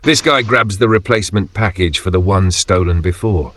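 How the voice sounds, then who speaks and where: A man's voice: low-pitched, moderate pace, fairly bright tone, dry recording. A man narrating video clips in a casual scripted commentary style, with slangy, wry wording and short punchy phrases.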